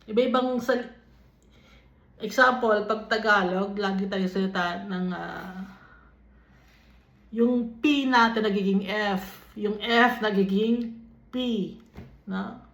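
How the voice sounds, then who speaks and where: Slow-paced Filipino woman teaching scripture. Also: medium pitch, fairly bright tone. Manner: unhurried, mixes English and Tagalog, reads scripture aloud then paraphrases. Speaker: Bible teacher. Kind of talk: Bible study teaching, reading verses then explaining. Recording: dull, lo-fi recording in an echoey room.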